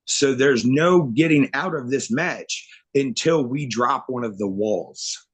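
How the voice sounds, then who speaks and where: A man's voice: medium pitch, takes it slowly, slightly rough. A man who promotes wrestling shows, talking casually in an interview, brash and eager to hype his event. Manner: brash, hypes his event, announcer voice for the show details.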